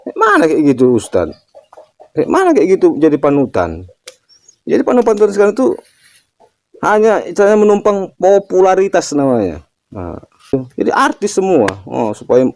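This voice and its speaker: Older guy telling a spiritual story, voice swings up and down a lot, warm and dry sounding. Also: on the high side, no echo. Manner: storytelling, ends phrases with "kan gitu". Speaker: religious teacher answering a question. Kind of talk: casual spiritual talk.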